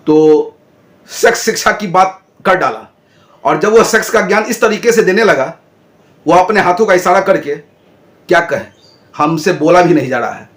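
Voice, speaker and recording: A man hosting his own channel, giving indignant political commentary and lecturing viewers with rhetorical questions. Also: high voice. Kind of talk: talking to camera, political commentary.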